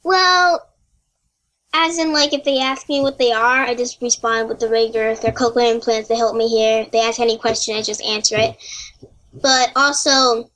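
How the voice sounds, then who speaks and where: A ten-year-old girl chats as a podcast guest, her voice a little high. She tells stories with lots of "like" fillers. She quotes other kids in lively voices as she goes. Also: normal speed, low-quality recording. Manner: chatty storytelling with many "like" fillers. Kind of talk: casual chat.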